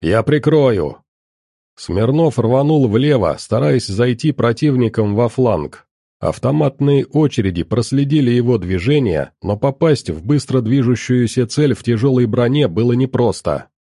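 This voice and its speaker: A man giving steady scripted audiobook narration of an action story. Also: medium pitch, moderate pace, no room sound, studio quality.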